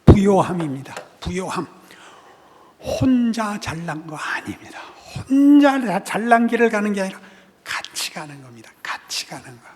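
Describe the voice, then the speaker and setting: A male pastor preaching a sermon, swinging from loud exhortation down to hushed, whispered asides. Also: high-pitched, sing-song, normal speed, in a large hall. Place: church sanctuary.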